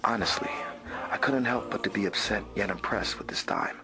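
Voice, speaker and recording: A man playing a wry, crude police detective, narrating a case in mock-serious, deadpan hard-boiled style. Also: fairly low pitch, moderate pace, natural voice. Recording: music behind the voice. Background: music.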